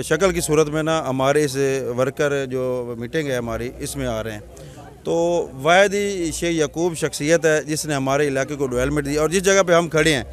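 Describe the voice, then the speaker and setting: A middle-aged man with a Punjabi accent, talking at length in an earnest, rambling way as a local councillor in a street interview, into a handheld mic. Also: fairly high pitch. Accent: Punjabi-accented Urdu. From Pakistan. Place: outdoors in a crowded street. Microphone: handheld reporter mic.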